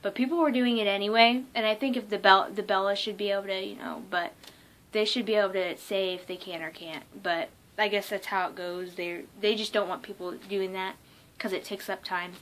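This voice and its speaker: A young woman telling a casual vlog story, excited and rambling, with lots of ums and likes. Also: mid-range voice, fairly quick. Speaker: vlogger.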